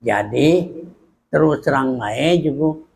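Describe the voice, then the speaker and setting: A man with a Palembang Malay accent gives a sermon as a religious teacher, unhurried, with frequent pauses and fillers. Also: medium pitch, creaky, a little mellow. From Indonesia.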